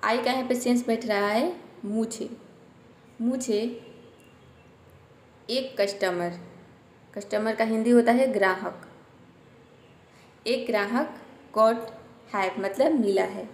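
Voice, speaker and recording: A woman teaches English sentences one word at a time, slowly repeating each word with its meaning. Her voice sits fairly high and unhurried. The room around her is echoey. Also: slight background noise.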